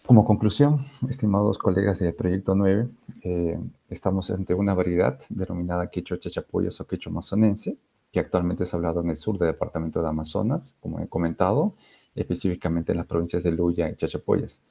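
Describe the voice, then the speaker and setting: A man's voice: sits low, brisk, vocal fry, warm tone. A male researcher giving an academic conference talk, hesitant, with many fillers and restarts. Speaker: linguistics researcher presenting a conference paper.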